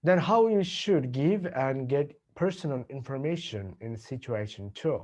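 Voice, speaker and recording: A man with a Bangladeshi accent teaching English, slowly repeating example questions and answers. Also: fairly high pitch, sing-song, a little mellow. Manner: slow, deliberate repetition of example sentences. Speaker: English tutor. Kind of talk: language lesson with model dialogues.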